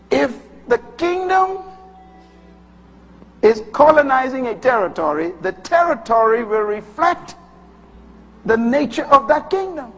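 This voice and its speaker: A man from the Bahamas with a Bahamian accent, preaching a sermon with emphatic bursts that rise high and drop low. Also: creaky, fairly bright tone, breathy edge. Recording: long hall reverb.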